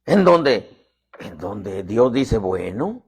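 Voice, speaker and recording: Husky-voiced preacher with lively pitch. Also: male voice, moderate pace. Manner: folksy preaching with jokes, calls congregation to repeat phrases. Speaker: apostle preaching. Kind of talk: sermon.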